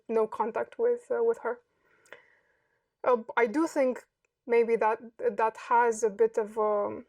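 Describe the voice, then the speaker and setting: Woman guest, 30s, from Romania; reflective and hesitant, higher-pitched with a flat delivery, dry and distant from the mic. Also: dry recording. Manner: thoughtful, hesitant, many pauses and fillers. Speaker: podcast guest. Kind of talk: reflective interview answers.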